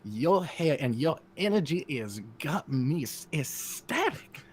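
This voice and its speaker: A man's voice: a little high, big pitch swings, slow, slight background noise, voice pushed up. A man voicing a flirtatious, swooning woman with a Southern US accent, in a drawling, coquettish manner. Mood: flirty.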